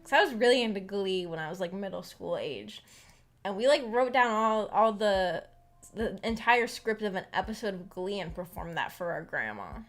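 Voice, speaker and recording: With background music behind her, a woman who streams a visual novel book club tells personal stories in a giggly, self-deprecating, casual way. Her mid-range voice has lively intonation and a moderate pace.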